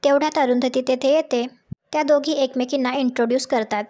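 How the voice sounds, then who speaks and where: A woman with a high, light voice narrates a recap of a television serial episode. She moves through it steadily, like a storyteller, reading out the characters' lines as she goes. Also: steady tone, brisk, warm tone. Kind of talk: voice-over retelling of a TV serial episode.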